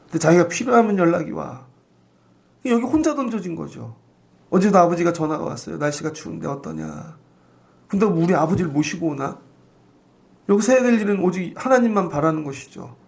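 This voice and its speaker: A male pastor with a high, gravelly voice preaching a dawn sermon. He talks like everyday conversation and acts out the lines of the people he quotes. He sounds middle-aged. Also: animated, brisk, a little mellow. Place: church sanctuary.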